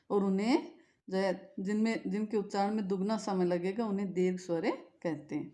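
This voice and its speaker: A woman's voice: medium pitch, darkish tone. A woman teaching a grammar lesson, repeating each point and asking questions she answers herself. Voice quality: patient, asks a question then answers it herself. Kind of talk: classroom-style lesson with repetition and questions.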